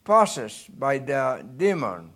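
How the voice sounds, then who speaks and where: A man preaches a sermon in halting, non-native English, restarting often and swinging between loud bursts and quiet asides. His pitch rises and falls widely.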